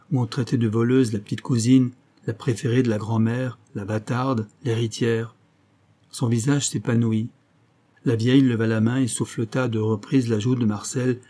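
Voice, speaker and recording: A man narrating a novel as an audiobook in a measured, even storytelling manner. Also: mid-range voice.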